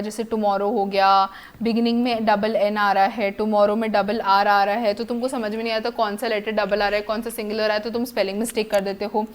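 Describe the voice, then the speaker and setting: Slowing to go over rules and examples again, a female teacher preps students for an exam, blending Hindi explanations with English terminology. Her pitch is on the high side.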